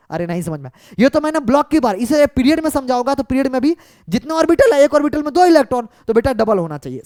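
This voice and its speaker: Animated male tutor scolding and coaxing students. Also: extremely high pitch, dry recording, clean studio sound. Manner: animated, scolds and coaxes students, often asks if they understood; mixes English terms into Hindi explanation. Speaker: chemistry exam tutor. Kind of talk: explaining exam paper solutions.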